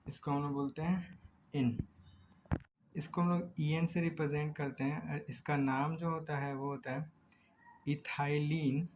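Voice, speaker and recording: A man teaching a chemistry lesson. He explains step by step, asks himself rhetorical questions, draws chemical names out slowly and often corrects himself mid-word. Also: on the high side, level tone, darkish tone, a little hiss or hum, rough recording. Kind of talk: recorded lecture.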